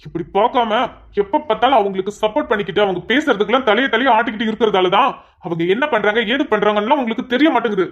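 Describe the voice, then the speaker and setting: A woman's voice: mid-range voice, close to an everyday voice. A woman voicing an angry, domineering young husband who gives harsh orders in a cartoon, on a dull lo-fi recording. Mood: furious. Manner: commanding, harsh, rapid. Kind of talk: cartoon voice acting.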